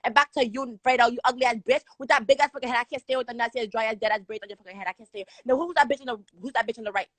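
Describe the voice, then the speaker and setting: A young woman calling in to a livestream, roasting the hosts in a rapid-fire, profane, mocking rant. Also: a little high, a bit bright, no echo. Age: young adult. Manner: rapid-fire crude insults, aggressive and mocking. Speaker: caller on a livestream.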